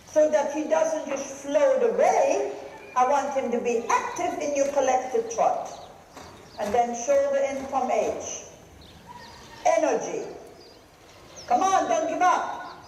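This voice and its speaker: A riding instructor coaching live in a large arena, calling out short, brisk, projected commands. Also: high voice, expressive. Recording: very echoey hall, some noise.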